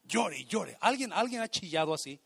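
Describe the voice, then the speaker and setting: Man preaching, emphatic and repetitive, bright higher voice, a sermon that climbs to shouting. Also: very animated, normal speed, gravelly, breathy edge. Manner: drops English phrases into Spanish. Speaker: pastor.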